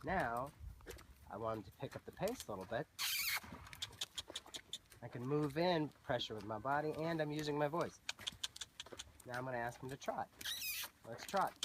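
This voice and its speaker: A man teaching horse handling, giving calm, soothing voice cues to a horse outdoors. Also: mid-range voice, normal speed, long pauses. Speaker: horse trainer. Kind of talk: instructional demonstration. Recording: loud outdoor noise, distant mic.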